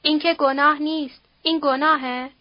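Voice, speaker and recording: A woman's voice: high-pitched, fairly even intonation, no echo, muffled recording, lightly acted. A woman reading as a grieving widowed mother. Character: grieving middle-aged mother, widowed and frightened.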